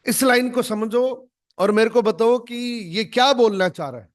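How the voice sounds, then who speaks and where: A man's voice: extremely high pitch, normal speed, no room sound, clean studio sound. A man leading an online network marketing training, emphatic and demonstrative, acting out lines to show tone. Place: online video call.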